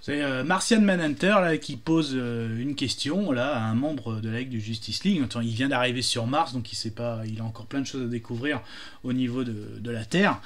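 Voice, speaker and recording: A man's voice: medium pitch, normal speed. A man telling jokes casually, hesitant, with many fillers and restarts. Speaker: joke teller.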